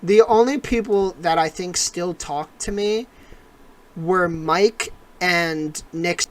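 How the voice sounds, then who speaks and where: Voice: medium pitch, slow pace. Young podcast co-host telling a rambling story. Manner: rambling, animated storytelling with many fillers. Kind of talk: casual storytelling chat.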